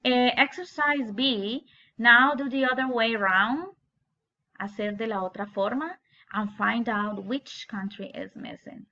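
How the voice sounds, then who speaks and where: Slow, bright-voiced woman teacher. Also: fairly high pitch. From Colombia. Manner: reads English words, then translates into Spanish. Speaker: English teacher. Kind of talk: slow explanatory lesson walkthrough. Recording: dull lo-fi audio.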